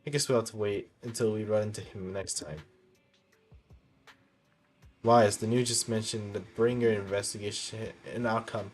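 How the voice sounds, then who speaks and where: A man's voice: fairly low pitch, fairly even intonation. A man reading a video game's story dialogue aloud, stumbling now and then and correcting himself. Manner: halting reading with misreadings corrected. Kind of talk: reading game story text aloud with reactions.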